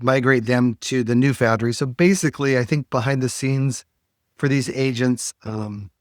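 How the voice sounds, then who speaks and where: A man hosting a podcast, walking through a software demo in a casual, explanatory way with frequent fillers. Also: mid-range voice, no room sound, studio quality. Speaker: podcast host.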